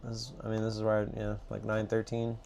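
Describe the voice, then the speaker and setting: Man, casual live-stream host, low voice, relaxed chat, faint music in background. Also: fast, creaky. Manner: relaxed, chatty, reads viewer comments aloud. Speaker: livestream trading host. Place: cabin on a cruise ship.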